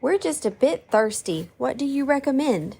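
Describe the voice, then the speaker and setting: Higher pitched lady, eager, friendly little character bits. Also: sing-song, normal speed, vocal fry, mellow, husky. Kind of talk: speaking in character in a hobby audio story.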